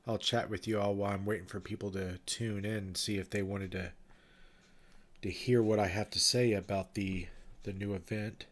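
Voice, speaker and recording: Speaking at normal speed with fairly even intonation, this ghost-hunting event organizer hosts a casual livestream chat with his viewers. His low voice sounds blocked and nasal, and he rambles loosely, restarting often and leaning on fillers.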